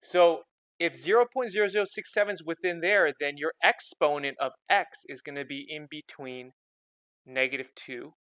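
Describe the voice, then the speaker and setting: Bright, dry-voiced man teaching math. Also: on the high side, normal speed, no echo. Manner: repeats "okay?" constantly, chatty and informal. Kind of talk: casual explanatory lesson.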